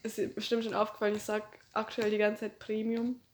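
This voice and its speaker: Young Bavarian woman, podcast co-host, quick and chatty, even middle pitch. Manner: fast-talking, laughs often. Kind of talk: casual chat.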